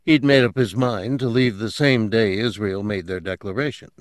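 A man's voice: fairly low pitch, moderate pace, no echo, clean studio sound, natural voice. A man voicing a confident, self-mocking professor. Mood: rueful. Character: self-assured male Palestinian professor recalling his youth. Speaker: interviewee. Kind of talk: audiobook character reading.

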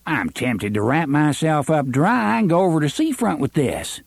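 A man's voice: fairly high pitch, expressive, normal speed, vocal fry, slightly rough, dry recording, pitched above the performer's own voice, exaggerated voice. A man voicing a gloating, cackling middle-aged sheriff with a folksy drawl.

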